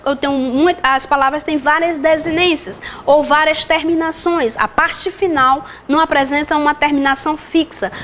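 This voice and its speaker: A woman with a high voice and a Brazilian Portuguese accent gives a recorded Latin lesson for distance learners. She explains step by step and often poses a question to herself and then answers it. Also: a bit bright. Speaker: Latin teacher.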